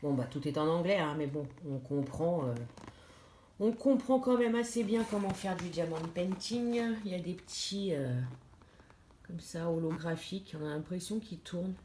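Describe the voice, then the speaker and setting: A woman's voice: on the low side, moderate pace, dark tone. Chatty woman in an echoey room. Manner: chatty, hesitant, many fillers and restarts. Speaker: diamond painting vlogger. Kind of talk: casual unboxing chat to camera. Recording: echoey room, clear background noise.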